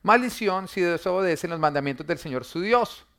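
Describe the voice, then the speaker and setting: A man, preaching an emphatic sermon that swings between loud and quiet, full of rhetorical questions and humor for the congregation. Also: sits high, animated, brisk, creaky. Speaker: pastor.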